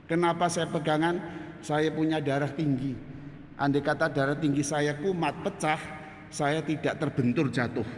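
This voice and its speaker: A male preacher delivers a sermon as animated storytelling, often calling the congregation "saudara". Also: a little high, moderate pace, a little hiss or hum. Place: chapel. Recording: reverberant chapel, faint ambience.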